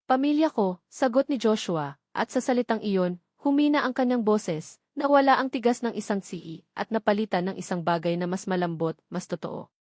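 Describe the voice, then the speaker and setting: With a Filipino accent, a woman reads a scripted romance story for an audiobook. Her mid-range voice is animated and a little mellow, delivered at a moderate pace in a clean studio recording with no room sound.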